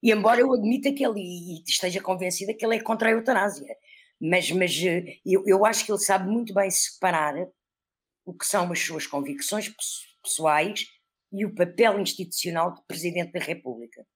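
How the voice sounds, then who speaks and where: A woman with a European Portuguese accent, commenting on politics in a panel discussion, thinking aloud deliberately. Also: on the low side, husky.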